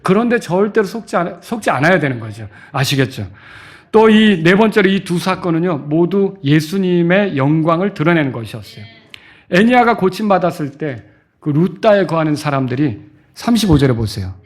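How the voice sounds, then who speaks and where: A middle-aged man preaching to his congregation. His voice sits high and swings widely, and he drops into the voices of the people he quotes. At the peaks of his sermon he lets out full shouts. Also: animated, moderate pace. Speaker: pastor.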